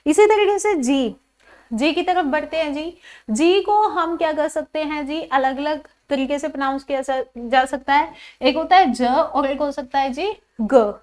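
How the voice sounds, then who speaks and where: A woman teaching English pronunciation to a class. She asks questions and answers them herself, and repeats each example word slowly. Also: sits high. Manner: calls the pupils "children", says "ji" often.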